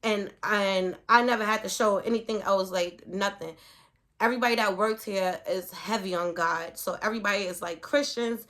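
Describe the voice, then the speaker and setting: Bright-voiced pregnant woman telling a story. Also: mid-range voice, moderate pace. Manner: animated and rambling, leaning heavily on "like". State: pregnant, with hiccups and heartburn. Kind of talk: casual storytelling to camera.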